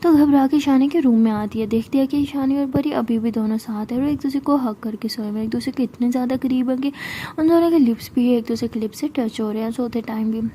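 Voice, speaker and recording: A woman's voice: on the high side, fast, warm tone, a little hiss or hum. A woman telling a love story in a chatty, conversational way, voicing every character herself. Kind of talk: casual spoken storytelling.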